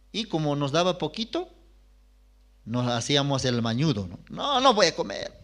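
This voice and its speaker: Animated pastor telling stories. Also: male voice, mid-range voice. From Bolivia. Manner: animated storytelling, jumping between loud and hushed. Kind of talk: sermon with personal storytelling.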